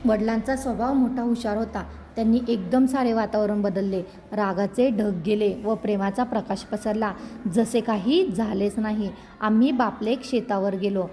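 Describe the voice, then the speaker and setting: A woman narrating a storybook in a measured, expressive reading. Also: mid-range voice, a little hiss or hum.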